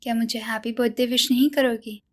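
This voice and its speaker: A woman's voice: on the high side, little pitch movement, a little fast, lightly acted. A woman voicing an older, protective woman who worries about her partner, read in an earnest recap tone.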